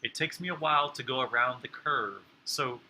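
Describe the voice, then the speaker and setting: A man's voice: mid-range voice, normal speed, pushed and bright, a little hiss or hum, low-quality recording. A man co-hosting a home cooking chat show, talking in a chatty, playful, self-deprecating way. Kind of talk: casual chat. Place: home kitchen.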